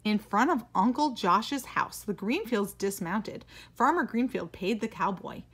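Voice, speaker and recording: A woman reading a children's picture book aloud as a storyteller, expressive and animated. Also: mid-range voice, unhurried, slightly rough.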